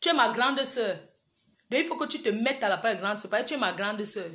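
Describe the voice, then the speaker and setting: A woman's voice: fairly high pitch, animated, a little fast, fairly bright tone, reverberant. A woman, ranting on a livestream and scolding her rivals directly. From Cameroon. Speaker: livestream host. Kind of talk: heated livestream rant.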